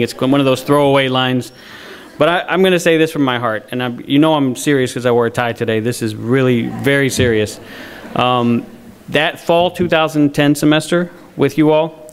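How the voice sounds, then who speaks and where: A man's voice: medium pitch, a little hiss or hum. A male faculty member giving an informal speech at a student ceremony, earnest with dry joking asides and frequent restarts, in front of a live audience.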